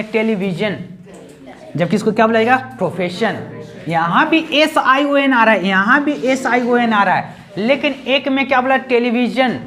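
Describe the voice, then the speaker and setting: A woman teaches English word endings in Hindi. Her voice sits fairly high. She drills each example by saying it, asking a rhetorical question, then saying it again. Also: a bit bright. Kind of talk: Hindi-language pronunciation lesson.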